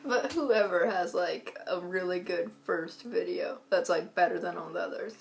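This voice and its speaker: A woman co-hosting a casual chat, telling a long story with many "like"s and deadpan asides. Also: fairly low pitch, normal speed, gravelly. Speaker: co-host.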